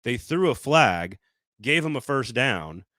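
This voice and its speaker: An animated man argues his case on a sports talk show, often stopping and restarting mid-thought. His voice sits in a middle pitch, recorded close and dry. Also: no echo. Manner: animated, talks in quick restarts. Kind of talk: casual sports debate.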